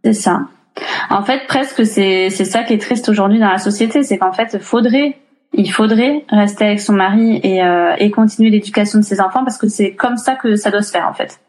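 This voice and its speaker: Being interviewed in a relaxed chat, a single mother in her 30s rambles with lots of fillers and false starts. She speaks at medium pitch and a moderate pace, with a darkish tone.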